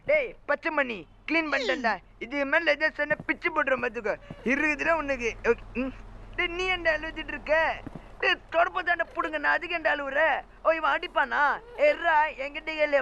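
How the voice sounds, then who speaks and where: High, gravelly gaming commentator man. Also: brisk, dull audio, slight background noise. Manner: excitable, mocking, full of exclamations. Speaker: gaming YouTuber. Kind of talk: comic gameplay commentary.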